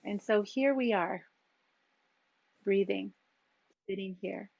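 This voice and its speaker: A woman leads a yoga and meditation session in an unhurried, soothing voice, letting long pauses fall between her cues. The sound is dry and close, with a slightly dull, muffled tone. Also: medium pitch, vocal fry, no echo. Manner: calm, slow, gentle cues with long pauses. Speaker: yoga teacher. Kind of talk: guided yoga and meditation instruction.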